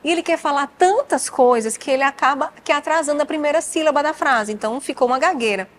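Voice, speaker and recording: A Brazilian woman with a slightly high voice chats animatedly as an interview guest, slipping into other people's voices as she recounts family moments. Faint background noise sits under her speech. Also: fast talker. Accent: Brazilian Portuguese. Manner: animated storytelling, acts out family dialogue. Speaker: guest child psychologist. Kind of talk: casual interview talk.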